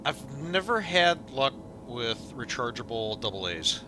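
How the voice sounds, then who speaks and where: Animated man chatting over engine noise. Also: medium pitch, measured pace. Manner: animated, swears, laughs often. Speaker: streamer. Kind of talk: casual gaming chat.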